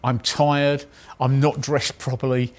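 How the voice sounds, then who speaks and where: A man's voice: mid-range voice, flat delivery, takes it slowly. English man telling a personal story. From England. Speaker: contestant recounting a speed-talking contest. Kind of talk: anecdotal first-person storytelling.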